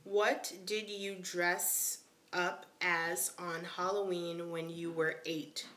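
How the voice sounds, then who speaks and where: A woman's voice: on the low side, little pitch movement, slow, pushed and bright, reverberant, slight background noise. A young woman chatting casually on a live stream, answering viewer questions in a slangy way with lots of "like".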